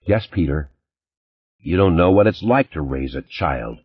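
A man's voice: low-pitched, expressive, a little slow, breathy edge, lo-fi sound, full character voice. A man voicing an indignant, image-conscious ex-wife. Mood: stern. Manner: clipped, indignant, scolding.

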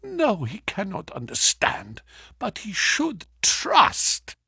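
A distraught young wife pleads in a high, quavering voice that leaps and dips as she speaks, as a man narrator puts her on. Her tone is breathy and unsteady, recorded close and dry. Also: huge pitch swings, slow pace, pushed and bright, no room sound, exaggerated voice. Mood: anguished.

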